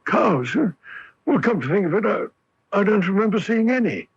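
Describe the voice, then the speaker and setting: A man's voice: high-pitched, sing-song, normal speed, slightly rough, dry recording, heavily acted. A man playing an earnest, puzzled doctor who is a detective's loyal companion, in a radio mystery style. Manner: hesitant, bewildered in dialogue. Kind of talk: 1980s radio mystery acting and storytelling. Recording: dull 1980s AM radio broadcast.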